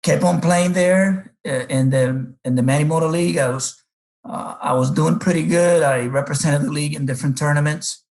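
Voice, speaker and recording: A middle-aged baseball coach from the Dominican Republic recounts his life story in an interview, taking his time and using many fillers. His voice is on the high side and a little mellow at a normal pace, captured in a low-quality recording.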